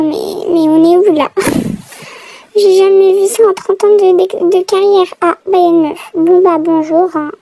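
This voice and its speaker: A woman's voice: very high voice, dark tone, no room sound, rough recording. A woman giving chatty, exasperated running commentary while she plays a game. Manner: chatty, reacting aloud, exasperated. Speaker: gamer narrating her play.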